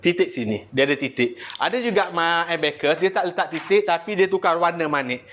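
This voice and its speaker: A man with a Malaysian Malay accent teaching children the abacus, playful and teasing, shifting between loud drill calls and low asides. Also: a little fast, a little hiss or hum. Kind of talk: classroom lesson to children.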